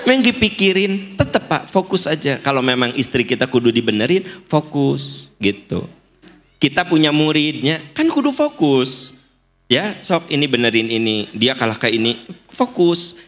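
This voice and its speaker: A man preaching with a Sundanese accent, animated and joking, acting out quotes in shifting voices. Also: on the high side. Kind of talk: humorous sermon. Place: mosque.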